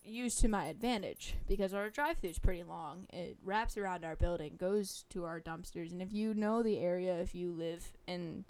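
A young woman who works a fast-food drive-thru, chatting casually about customers, laughing often and filling pauses with um and like. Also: on the low side, a little mellow. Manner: giggly, chatty, full of fillers. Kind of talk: casual storytelling.

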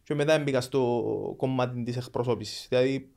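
A man's voice: mid-range voice, fairly even intonation, darkish tone. A man in his thirties with a Greek Cypriot accent, answering questions as a guest in a conversational interview. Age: 30s. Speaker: podcast guest, football agent.

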